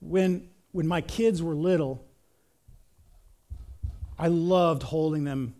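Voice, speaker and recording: A middle-aged man preaching a sermon as pastor, telling stories in an animated way and often repeating words. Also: fairly high pitch, slow. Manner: animated storytelling, repeats words, acts out quotes.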